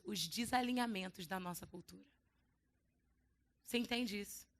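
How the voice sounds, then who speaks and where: A woman with a Brazilian Portuguese accent preaching a sermon in a church, telling stories in a lively way with playful quoted voices. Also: fairly high pitch. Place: church hall.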